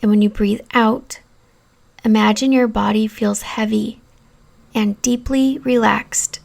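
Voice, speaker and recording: A woman narrating a guided meditation in a calm, soothing, deliberate manner, giving relaxation instructions with pauses. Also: on the high side, gravelly. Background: new-age music.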